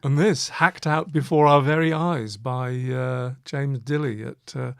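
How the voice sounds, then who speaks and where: A man's voice: mid-range voice, fairly even intonation, a little slow, clean tone, no echo, studio quality. A man co-hosting a casual live question-and-answer chat, talking hesitantly with many fillers and restarts. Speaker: co-host.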